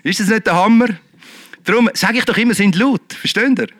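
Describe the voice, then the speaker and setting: A man preaching a lively sermon, shifting between loud exhortation and quiet, earnest talk. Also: sits high, fairly quick, no room sound. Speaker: pastor.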